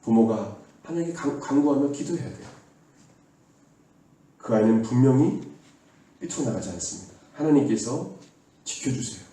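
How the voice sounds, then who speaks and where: A man preaches a sermon in a warm, mellow voice, urging his listeners earnestly and having them repeat his words. He sounds far from the mic. The church hall around him echoes heavily. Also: medium pitch, lively intonation, moderate pace, long pauses. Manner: earnest exhortation, leads the congregation in call-and-response. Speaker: pastor. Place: church sanctuary.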